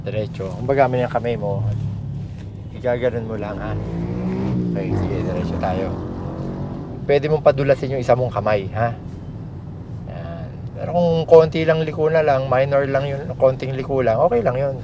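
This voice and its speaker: With a lively, mid-range voice, vocal fry and long pauses, a Filipino man instructs a driver at a moderate pace from a moving car. His casual coaching is short commands and tag questions, heard over loud engine and vehicle noise in a muffled recording.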